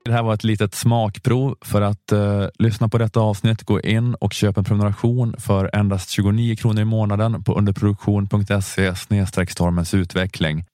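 A man's voice: fairly low pitch, level tone, hardly any pauses, dark tone, no echo, studio quality, faint music behind. A man hosting a podcast in casual conversation, often hesitating and repeating words as he thinks, then reading a subscription promo. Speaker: podcast host.

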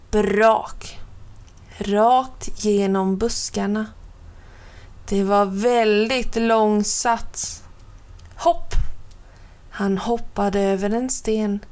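A woman reading a children's storybook aloud with calm, lively pacing and playful pauses. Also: a little high. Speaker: narrator.

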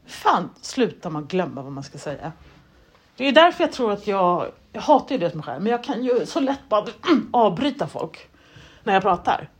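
A woman's voice: medium pitch, big pitch swings, husky. A chatty woman rambling in a loose, casual monologue. She drifts between thoughts, restarts her sentences and mocks herself as she acts out what goes on in her head. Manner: chatty, self-deprecating, loses her thread; frequent fillers and restarts, acts out inner thoughts.

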